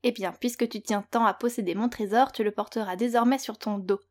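A woman's voice: a little high, fairly even intonation, fairly quick, a little mellow, natural voice. Woman voicing an angry young witch. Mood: furious. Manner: indignant, scolding. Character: angry young witch wife scolding her husband.

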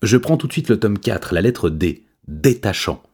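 A man voicing an excitable, bookish male cat who exclaims and trips over long words. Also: on the low side, normal speed, slightly rough. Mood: excited.

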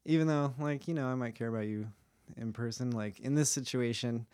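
A relaxed young man hosting a podcast and talking through an idea with a buddy, loose and jokey and full of asides. His voice sits at a middle pitch and sounds dry and close to the mic, with hardly any room around it. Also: smooth, no echo. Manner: laid-back, joking, quick asides. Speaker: podcast host. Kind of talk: casual explainer chat.

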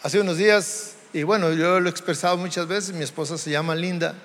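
A Mexican man, a pastor, preaching a slow, deliberate sermon and shifting his tone to demonstrate his points. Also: on the high side, steady tone, fairly bright tone. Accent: Mexican Spanish. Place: church hall. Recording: long reverb of a church hall.

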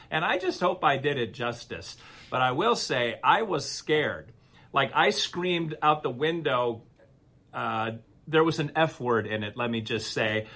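A man with a bright, forceful voice that sits a little high. He tells a long story in an animated, rambling way, swinging up and down as he goes. It is the relaxed, casual storytelling of a podcast co-host.

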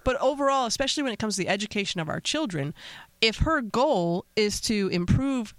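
A man hosts a podcast and keeps the talk going in a chatty, affirming way, often chiming in with quick agreements. His voice sits high for a man, and the sound is dry and close, with no room around it. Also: expressive, fairly bright tone, dry recording. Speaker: podcast host. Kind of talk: casual interview chat.

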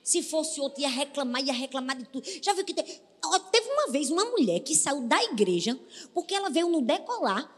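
A Brazilian woman preaches with a high, ringing voice, calling out to her congregation. She drops to hushed tones, then climbs to fervent shouts. Her words trail off in the long reverb of a church hall. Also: very animated, a little fast. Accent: Brazilian Portuguese. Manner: emphatic, calls on the congregation, swings between hushed and shouting. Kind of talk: sermon.

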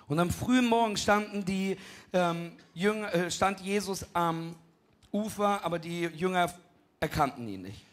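A man interpreting a sermon live in a high voice. He speaks quickly, often restarting his sentences and filling gaps as he catches up with the preacher. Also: animated. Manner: quick, with frequent restarts and fillers; copies the preacher's acted voices.

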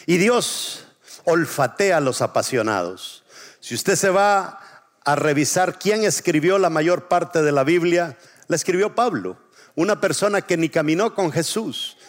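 A man's voice: a little high, animated, a little slow. Man preaching with call-and-response. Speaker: pastor. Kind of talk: sermon.

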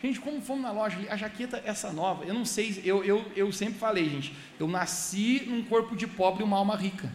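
A young man with a high voice preaches a sermon at a church service in a large hall, delivering it briskly as a chatty story with hardly any pauses. He often speaks directly to the congregation. The hall is echoey, and there's a faint hiss in the background.

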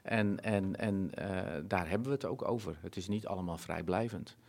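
Earnest, low-voiced Dutch-speaking man. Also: moderate pace, creaky, a little mellow. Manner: earnest, reflective, many fillers and restarts. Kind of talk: conversational interview.

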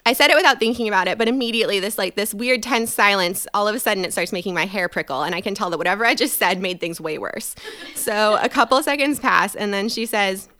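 A young woman tells a comic first-person story in a bright, crisp voice. She is wry and self-mocking, and she acts out the other people's lines as she quotes them. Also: mid-range voice, fast. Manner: animated, acting out quoted voices.

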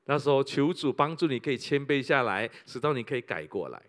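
A pastor preaching a sermon, full of rhetorical questions and repeated phrases. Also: male voice, mid-range voice, expressive, fast talker, a bit bright.

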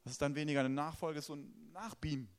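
A man's voice: on the high side, steady tone, fairly quick, gravelly, a little hiss or hum. A man preaching a sermon in a conversational way, asking the congregation questions and talking to them directly.

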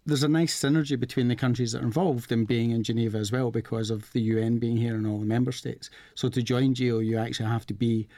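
A man's voice: medium pitch, little pitch movement, fast, hardly any pauses, warm tone, no echo. A man from Scotland, a guest head of external relations, explaining things conversationally with occasional restarts in a radio studio. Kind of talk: interview answers.

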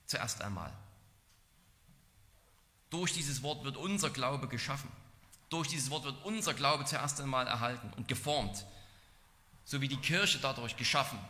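Male preacher, earnest and measured, very bright tone, long hall echo. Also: mid-range voice. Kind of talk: expository sermon.

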